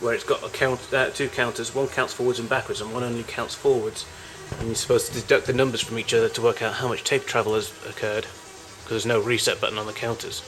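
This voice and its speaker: A hobbyist collector shows off vintage tape recorders one by one in unscripted, informal commentary, halting and rambling and often correcting himself. His medium-pitched voice is flat and a bit bright. Faint music plays behind him, and the recording is rough.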